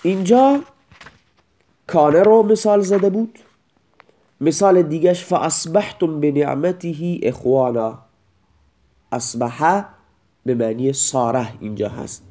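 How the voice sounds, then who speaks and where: A man giving a recorded grammar lesson, reading example lines slowly and then explaining them word by word. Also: on the high side, dark tone. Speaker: Arabic grammar teacher.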